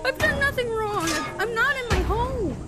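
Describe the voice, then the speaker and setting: A woman's voice: extremely high pitch, lively intonation, moderate pace, loud music behind the voice. A woman role-playing in character through a VR game, fretting and groaning dramatically. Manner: dramatic groaning and fretful exclamations.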